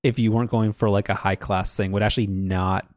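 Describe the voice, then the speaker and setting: A man's voice: lowish voice, steady tone, brisk, a little mellow, no echo. A man co-hosting a podcast, rambling casually with restarts and dry sarcasm. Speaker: podcast co-host.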